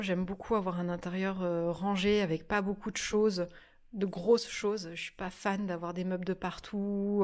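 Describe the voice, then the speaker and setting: A woman in her thirties chatting casually at home, hesitant, with many fillers and restarts. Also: mid-range voice. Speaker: vlogger reviewing books. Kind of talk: casual chat.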